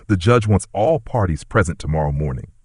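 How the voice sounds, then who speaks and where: A man's voice: low voice, expressive, brisk, darkish tone, slightly rough, dry recording, clean studio sound. A man reading the lines of a careful, formal police officer in a story narration.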